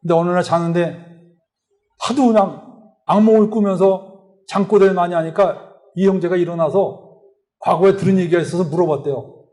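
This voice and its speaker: A middle-aged man gives a sermon at a church retreat. His voice sits high for a man. He tells his story with energy and acts out each person's lines. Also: normal speed, pauses often. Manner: animated storytelling, acts out dialogue. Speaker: lay preacher. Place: retreat hall.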